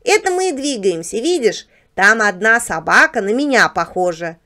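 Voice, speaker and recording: A woman's voice: medium pitch, sing-song, normal speed, pushed and bright. A woman voicing a boastful, know-it-all male house dog who explains things in a patronizing way, read as a storybook character.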